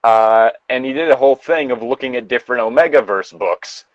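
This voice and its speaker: Co-hosting a fan fiction read-aloud show over a remote voice call, this man trades casual banter and commentary, rambling through halting asides. His voice is medium-pitched. The setup is dry and close, with no echo, though the audio sounds muffled.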